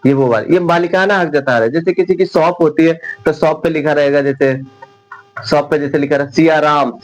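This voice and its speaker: A man's voice: a little high, rough recording. A man whose first language is Hindi teaching an English grammar lesson, repeating each word patiently and correcting common mistakes firmly. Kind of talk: classroom-style grammar lesson.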